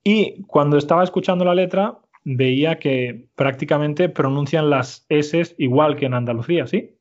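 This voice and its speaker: A man's voice: on the high side, moderate pace, lo-fi sound. A man teaching a Spanish lesson, explaining step by step and often checking in with his listeners. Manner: explanatory, frequent "¿vale?" checks. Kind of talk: language lesson.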